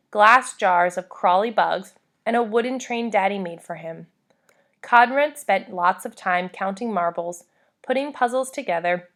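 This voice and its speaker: A woman reading a scripted memoir aloud as narration, phrasing it deliberately in short, measured groups of words. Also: mid-range voice, fairly bright tone. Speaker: audiobook-style reader of a memoir.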